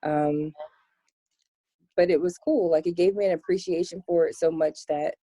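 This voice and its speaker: A young American woman answering interview questions in a relaxed chat, with plenty of "um" and "like". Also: on the low side, normal speed, no room sound. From United States. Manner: chatty, many "um" and "like" fillers. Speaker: interview guest. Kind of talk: casual interview.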